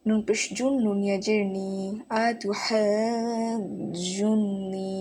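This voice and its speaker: A woman's voice: medium pitch, a little mellow, a little hiss or hum. A woman teaching Quran reading, spelling out each letter and vowel mark one by one and then joining them into words. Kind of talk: slow spelling-out recitation lesson.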